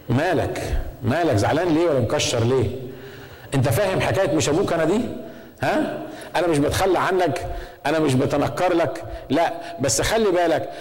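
A man's voice: on the high side, a little mellow, in a large hall, poor audio. A middle-aged man with an Egyptian accent preaching a sermon as pastor, conversational and often asking the congregation questions. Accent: Egyptian Arabic. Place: church.

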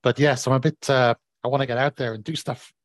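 Croaky, hoarse man in an interview. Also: mid-range voice, steady tone, fast talker, no echo. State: voice recovering from bruised vocal cords. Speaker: property company managing director, interviewee. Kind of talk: conversational market update interview.

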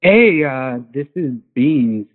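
A man's voice: medium pitch, lively intonation, takes it slowly. Man calling in over a tinny phone. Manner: laid-back, hesitant, with fillers and swearing. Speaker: caller. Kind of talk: casual chat.

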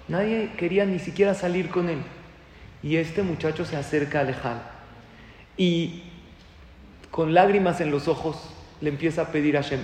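Male preacher, higher voice, animated storytelling, long reverb in a big room. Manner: animated, rising emphasis, drawn-out phrases. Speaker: rabbi giving a talk. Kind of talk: storytelling sermon. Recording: echoey hall with faint noise.

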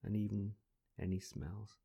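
A man leading a guided breathing exercise in a slow, soothing, deliberate voice, counting breaths. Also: fairly low pitch, level tone, vocal fry, dark tone, slightly rough. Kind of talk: calm guided relaxation exercise.

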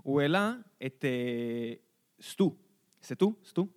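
A man co-hosting a casual sports podcast, telling animated stories and acting out what people said. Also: mid-range voice, smooth. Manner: animated storyteller who acts out quoted remarks. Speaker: podcast co-host.

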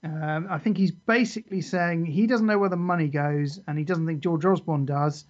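A man's voice: a little high, normal speed. A man co-hosting a casual podcast chat, jokey and rambling. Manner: jokey, rambling, reads lyrics aloud with laughs. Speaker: podcast co-host. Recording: dull lo-fi podcast audio.

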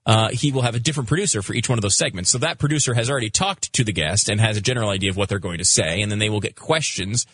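Husky-voiced male radio co-host. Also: lowish voice, rapid-fire, few pauses, fairly bright tone, no room sound. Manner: explains at length, frequent fillers. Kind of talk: casual talk radio banter.

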